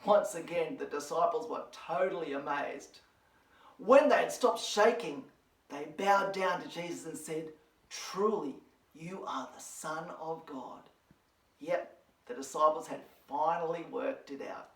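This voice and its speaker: Animated Australian woman telling a kids' story. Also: medium pitch. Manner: animated, expressive, speaks to her dog. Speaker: children's church presenter. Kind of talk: children's Bible storytelling. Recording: roomy, from a distance.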